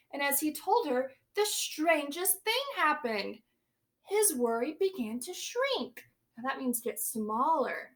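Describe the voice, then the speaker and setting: Reading a picture book aloud to kids, a young woman teacher speaks with a high, bright and clear voice. She brings lively expression to the story and breaks off now and then to ask the children questions.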